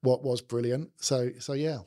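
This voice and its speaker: A man's voice: mid-range voice, fairly even intonation, normal speed, dark tone. A man in his forties with a South London accent, talking chattily as a guest in a casual podcast conversation. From London, England. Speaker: guest, business leader. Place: indoor podcast studio. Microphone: close podcast microphone on boom arm.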